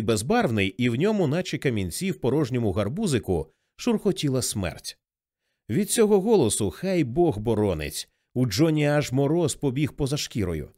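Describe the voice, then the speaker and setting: Lively male audiobook narrator. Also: mid-range voice, no echo, studio quality. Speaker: audiobook reader. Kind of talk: expressive novel narration.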